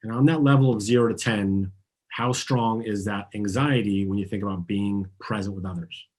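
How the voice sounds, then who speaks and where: Coaching a group through a guided tapping session, an Argentine-born man raised in the US speaks at a fairly low pitch with a steady, darkish tone and moderate pace. Earnest and guiding, he has listeners repeat after him.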